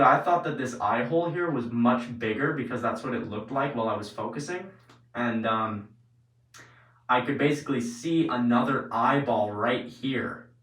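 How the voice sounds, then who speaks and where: A man's voice: medium pitch, fairly bright tone, far from the mic. Casual man vlogging in an echoey room. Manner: informal, frequent "like" and "basically". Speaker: host of an experiment video series. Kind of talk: casual explanatory vlog chat. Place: indoors, later in an echoey bathroom. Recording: roomy echo.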